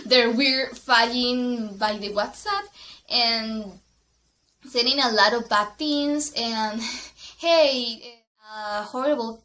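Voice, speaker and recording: Woman, storytime vlog, slow halting speech, frequent giggles, non-native English, bright voice. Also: a little high. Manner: halting, self-correcting, giggly, speaking English as a second language. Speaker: vlogger. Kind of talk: casual storytime.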